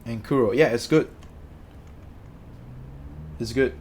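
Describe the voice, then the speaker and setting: His mid-range voice is husky with a darkish tone, and he takes a slow pace. The young Malaysian man casually chats with his stream viewers, rambling and correcting himself as he replies.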